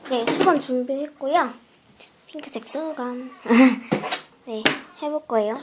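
Young woman doing a craft tutorial at home, chatty, slips into whispers while she works, voice a bit high, faint hiss behind. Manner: chatty, drops to soft whispers while working. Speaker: craft vlogger. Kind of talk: casual step-by-step craft tutorial.

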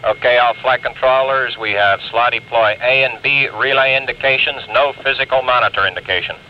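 A man as a flight controller giving terse, calm, procedural callouts over an archival space mission radio loop. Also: medium pitch, a little fast. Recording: muffled 1960s radio audio with faint hiss.

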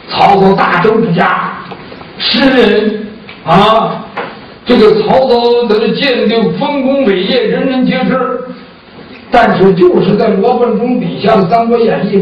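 High-pitched male pingshu storyteller in echoing hall. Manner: conversational, rhetorical questions, acts out short exchanges. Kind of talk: traditional Chinese pingshu storytelling performed live to an audience. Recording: roomy echoing hall, distant mic, dull sound, faint noise.

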